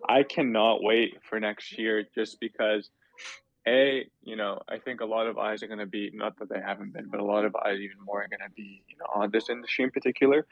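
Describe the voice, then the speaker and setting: Low-voiced man musing over dry lo-fi audio. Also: fairly even intonation, fairly quick, creaky, no room sound. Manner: hedging, reflective speech with many fillers. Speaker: guest. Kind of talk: casual chat.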